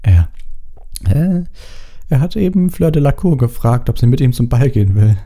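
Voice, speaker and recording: A man voicing a sympathetic, gently hesitant young girl. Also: medium pitch, big pitch swings, normal speed, pitched above the performer's own voice.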